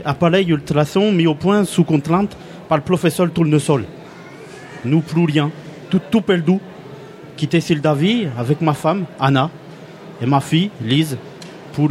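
A man's voice: on the high side, a little mellow, slight background noise, natural voice. A man voicing a cheerful, naive male refugee from a made-up Balkan country, with a put-on foreign accent and broken French grammar in a comic radio sketch. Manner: broken French, dropped verbs and articles.

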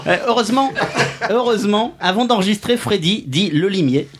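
A man's voice: sits high, animated, moderate pace, background noise. A man doing a pompous mocking columnist. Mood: smug, mocking. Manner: mock-pompous, sardonic, chuckling at own jokes. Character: pompous male columnist character roasting a guest. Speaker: podcast columnist. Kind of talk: comic podcast chronicle.

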